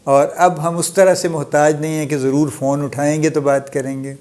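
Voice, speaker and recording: A middle-aged man hosting a solo talk, speaking in a relaxed, conversational lecture style and dropping in English phrases. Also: fairly high pitch. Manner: conversational, mixes English phrases, soft chuckles, restarts. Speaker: host giving a solo talk.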